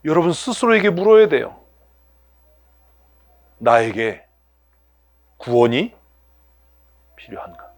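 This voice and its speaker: A man's voice: fairly high pitch, sing-song, slow pace, pauses often. A male pastor preaching a sermon to his church, asking the congregation rhetorical questions and acting out everyday scenes in other voices. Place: church sanctuary.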